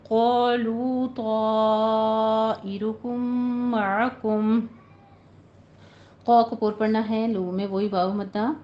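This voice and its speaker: A woman teaching tajweed, reciting verses slowly and then explaining each recitation rule in brisk speech. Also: mid-range voice. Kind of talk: tajweed lesson with slow recitation. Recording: dull lo-fi recording with faint noise.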